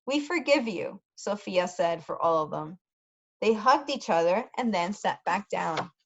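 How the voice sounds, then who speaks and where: In an unhurried, fairly low voice with lively intonation, a woman tutor reads a story slowly for English learners. She carefully repeats key words and supplies brief Spanish glosses, and the audio is dull.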